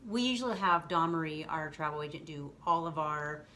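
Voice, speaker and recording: A woman with a lowish voice hosts a vlog in casual chat. She explains things loosely and ramblingly, with faint noise in the background. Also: animated, brisk, pushed and bright. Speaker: vlog host.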